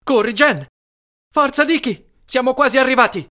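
A brave young farm boy calls out urgently in a fairy tale, pushing his little brothers to run. His voice sits high and bright, put on by a woman narrator. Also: normal speed, close to an everyday voice. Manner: urgent, shouting.

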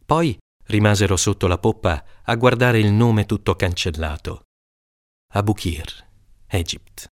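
A man narrates a literary short story in a calm, measured way. His voice sits low. The recording is dry and close, with no room sound. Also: no room sound. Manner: measured, calm reading that lifts into high voices for children's shouts. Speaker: audiobook reader.

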